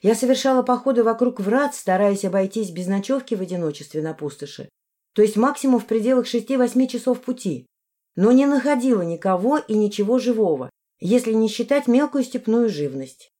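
A woman narrating a fantasy novel in the first person with expressive phrasing. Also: fairly high pitch, fairly quick. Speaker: audiobook narrator.

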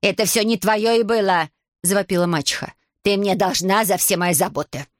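A woman's voice: fairly quick, no echo, studio quality, close to an everyday voice. A woman voicing a spiteful, scheming middle-aged stepmother who snaps out accusations, read for an audiobook. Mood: scolding. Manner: snapping, shrill and accusing.

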